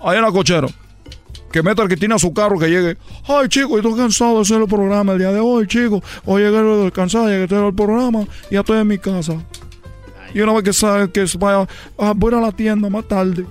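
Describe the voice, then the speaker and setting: A man voicing an excitable, boastful male baseball player, telling rambling tall tales in a comic radio sketch and shouting his catchphrases. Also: a little fast, soft background music, close to an everyday voice. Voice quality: high, squealing delivery. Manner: rambling, shouting catchphrases, laughing at own jokes. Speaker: recurring comedy character on a radio show.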